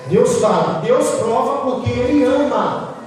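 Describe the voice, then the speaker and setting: A man's voice: very high voice, expressive, unhurried. A man preaching an impassioned sermon, asking rhetorical questions to the congregation. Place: church hall. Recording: echoey hall, distant mic, faint noise.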